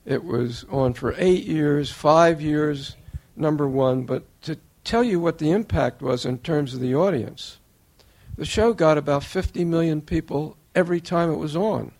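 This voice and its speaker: An older man giving an earnest, measured tribute as interviewer, laying out his points one by one. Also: on the high side, a little mellow. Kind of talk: formal tribute speech.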